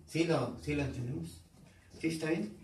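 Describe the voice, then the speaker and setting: Male pastor, teaching sermon, quizzes his flock; slightly high pitch, recorded far off in an echoey church. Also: moderate pace, darkish tone, a little hiss or hum. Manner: quizzes the congregation with questions, repeating key words. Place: church hall.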